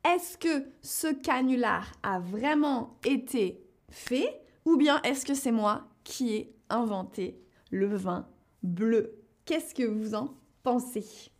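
A woman hosting a live lesson, speaking slowly and clearly and putting questions to her viewers. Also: a little high, expressive. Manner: slow and deliberate, asks the audience questions. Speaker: host of a live French-learning stream.

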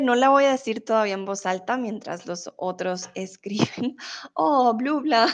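A young woman with a mid-range voice leads a live online Spanish lesson. She reads viewers' comments aloud, encouraging them patiently and laughing often.

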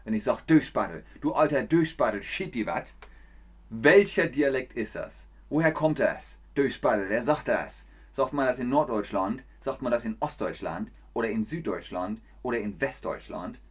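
A man from northern Germany with a northern German accent, teaching a playful livestreamed language lesson and acting out insults in sudden loud bursts. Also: medium pitch, normal speed, hardly any pauses, breathy edge.

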